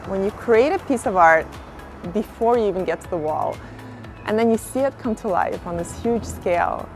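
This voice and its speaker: A woman's voice: medium pitch, lively intonation, normal speed, a little mellow, faint music behind. A woman from Kazakhstan, an artist, talking reflectively about her work in an interview, with many "sort of" and "like" fillers. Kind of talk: interview monologue.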